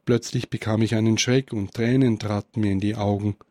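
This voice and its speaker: Man, spiritual speaker, contemplative Christmas reflection, measured, mellow tone. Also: on the low side, fairly even intonation, no echo. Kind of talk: Christmas reflection and story reading.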